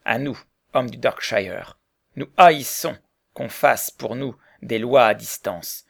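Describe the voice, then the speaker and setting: A man reading the lines of an earnest middle-aged mill owner in a storybook, in a measured, serious way. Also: mid-range voice, gravelly, no echo, studio quality.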